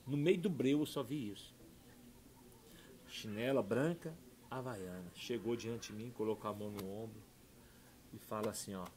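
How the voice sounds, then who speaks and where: A middle-aged man, a pastor telling a heartfelt personal testimony, dropping soft and low then rising loud and excited. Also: moderate pace, long pauses, a little hiss or hum. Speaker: pastor and podcast guest.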